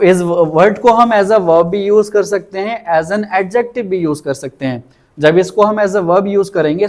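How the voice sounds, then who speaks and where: A man, teaching vocabulary and repeating each word slowly to show how it is pronounced. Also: high voice. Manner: explains patiently, repeats words slowly for pronunciation. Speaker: English teacher. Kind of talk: vocabulary lesson.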